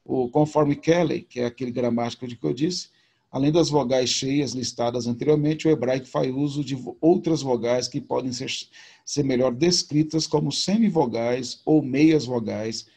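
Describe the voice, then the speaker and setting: A man's voice: medium pitch, normal speed, creaky, dark tone, breathy edge. A man teaching a recorded video lesson, explaining patiently and informally with repetition. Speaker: Hebrew teacher.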